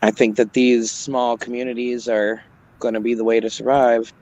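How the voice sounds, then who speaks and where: A man's voice: medium pitch, level tone, moderate pace, a little mellow, low-quality recording. A man in a casual group chat, briefly chiming in to agree and add a point. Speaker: chat participant.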